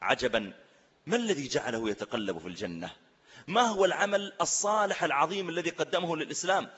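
A man preaching a sermon, telling stories in an animated way and asking rhetorical questions. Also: fairly high pitch, fast, breathy edge, in a large hall, highs cut off. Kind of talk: sermon with storytelling.

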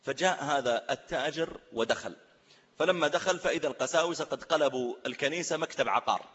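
A man preaching a sermon, telling stories in an animated way and asking rhetorical questions. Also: fairly high pitch, fast, slightly rough, big-room sound, lo-fi sound. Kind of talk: sermon with storytelling.

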